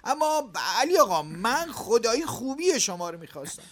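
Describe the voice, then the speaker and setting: A blustery, irritable factory boss. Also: male voice, extremely high pitch, big pitch swings, heavily acted. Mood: scolding. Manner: blustery, scolding, quick to flare up. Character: irritable male factory owner, middle-aged boss. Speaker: factory owner. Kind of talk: radio drama acting.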